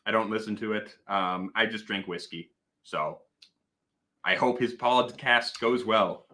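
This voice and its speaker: A man's voice: fairly low pitch, steady tone, a little slow, pushed and bright. A man hosting a casual livestream, chatting, laughing often and reading out viewer comments. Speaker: host.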